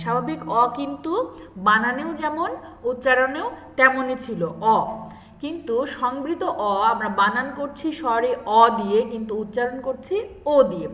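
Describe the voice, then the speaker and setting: A woman's voice: high voice, a bit bright, a little hiss or hum. A woman teacher giving a grammar lesson, explaining step by step and asking her students questions. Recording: echoey room with long reverb.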